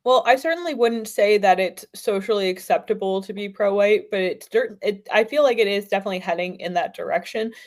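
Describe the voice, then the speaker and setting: A woman's voice: medium pitch, a little fast, hardly any pauses. A woman hosting a casual chat, talking earnestly and emphatically. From United States. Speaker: host.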